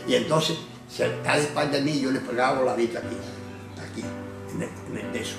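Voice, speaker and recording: A man with a Cuban Spanish accent giving a personal testimony, telling his story in an animated way and acting out the voices of others. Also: medium pitch, quick pace, vocal fry, reverberant, over music. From Cuba. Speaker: former prisoner giving testimony.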